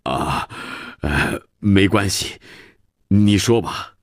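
A man's voice: low voice, drawn-out words, no echo, clean studio sound. A man voicing an ashamed, drunken middle-aged father who mumbles and pleads hesitantly. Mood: pleading.

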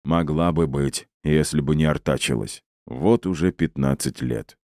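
A man voicing a gruff, grumbling old drinking man in audiobook narration. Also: a bass voice, unhurried, darkish tone, no echo, clean studio sound. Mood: wistful. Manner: growling, grumbly.

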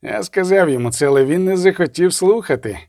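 Sinister cold male assassin, voiced by a man, sardonic, mellow tone, dry sound. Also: sits high, animated, fast talker, no echo, voice pushed up. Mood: menacing. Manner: menacing, sardonic.

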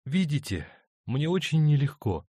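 A man's voice: a little high, sing-song, a little slow, dark tone, husky, no room sound, studio quality, voice pushed up, exaggerated voice. A man voicing a young married woman torn between two loves, speaking in an emotional, hesitant, pleading way. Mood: torn, tender.

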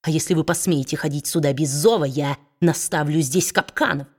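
Woman doing a storybook male dwarf, spiteful, mocking, domineering, shouting. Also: deep voice, fairly quick. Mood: bellowing. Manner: sneering, bullying, shouting.

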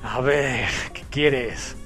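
A man co-hosting a casual comic review chat, animated and acting out characters' lines. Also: medium pitch, faint music behind. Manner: animated, acts out characters' lines in quick voices. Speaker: podcast co-host.

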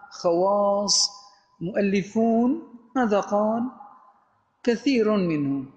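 A man lecturing on Arabic grammar, asking rhetorical questions and answering them himself, reading quoted text slowly and deliberately. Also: sits high. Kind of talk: lecture explaining a grammar book. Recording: dull lo-fi audio with long hall reverb.

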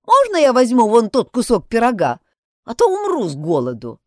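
A hungry, cheeky errand boy, put on by a woman narrator who speaks his mind offhandedly. The voice stays lively with wide swings. Close, dry recording. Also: a little high, moderate pace, no room sound, voice pushed up.

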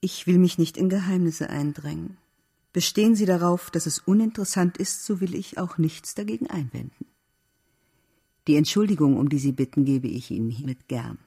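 Curious chatty young lodger woman a man puts on, teasing and pitched up. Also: animated, moderate pace, gravelly, dark tone, breathy edge, heavily acted. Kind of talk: audiobook reading.

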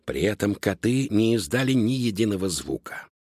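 A man narrating a children's storybook in an expressive, lively reading. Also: on the low side, moderate pace, husky, dry recording, studio quality. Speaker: audiobook narrator.

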